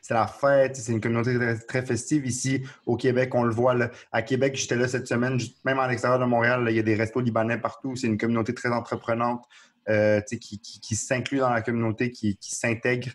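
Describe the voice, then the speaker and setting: Quebec guy explaining the news fast, keeps restarting, pretty flat delivery. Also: medium pitch. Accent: Quebec French. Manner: earnest, explanatory, frequent restarts. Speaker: podcast co-host. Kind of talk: casual current-affairs discussion.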